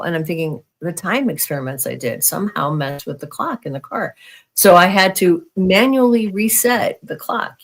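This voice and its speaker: A man's voice: high voice, fairly bright tone. A man talking as a podcast guest, telling his story in an earnest, matter-of-fact way. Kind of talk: casual chat.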